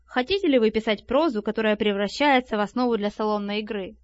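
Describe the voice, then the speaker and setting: Woman reading an audiobook, raised pitch. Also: fast talker, no echo. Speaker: audiobook reader. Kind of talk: audiobook narration of a nonfiction book. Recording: dull, lo-fi and dry.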